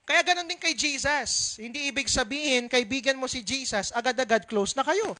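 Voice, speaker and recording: A man's voice: extremely high pitch, normal speed, sharp tone. A male pastor giving a conversational sermon, switching between Filipino and English and asking his congregation questions.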